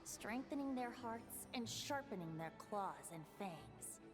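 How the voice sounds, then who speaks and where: A woman's voice: mid-range voice, lively intonation, unhurried, in a large hall, over music, natural voice. An actress voicing a solemn female figure recounting an old legend in a video game, in a formal storytelling manner.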